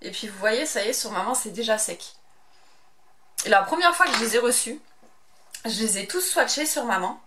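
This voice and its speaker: Chatty young French woman, higher voice. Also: lively intonation, moderate pace, pauses often, background noise. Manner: chatty, rambling, with hesitations. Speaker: beauty vlogger. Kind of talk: casual product review.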